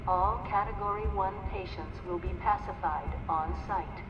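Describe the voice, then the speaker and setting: A woman voicing a calm asylum security announcer, giving clipped official warnings over an air raid style public address loudspeaker. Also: medium pitch, normal speed, highs cut off. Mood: stern. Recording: long echoing loudspeaker reverb with music behind.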